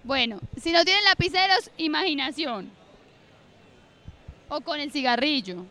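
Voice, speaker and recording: Woman, workshop facilitator, high bright voice, chatty and self-amused, outdoors on a handheld mic. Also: animated, measured pace. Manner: chatty, repeats instructions, laughs at herself. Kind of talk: guiding a group writing exercise. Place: outdoor park. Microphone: handheld mic, often held away.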